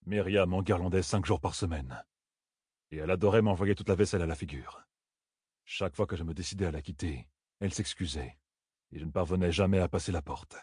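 A man voicing a weathered, wary older woodsman who talks low and wryly. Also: brisk, darkish tone, breathy edge, no echo, clean studio sound. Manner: low, muttering, wry.

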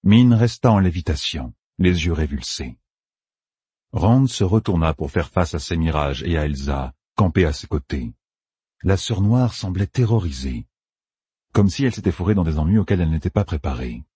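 Raspy low-voiced male audiobook narrator. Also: normal speed, no echo. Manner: dramatic, expressive reading. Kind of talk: scripted narration.

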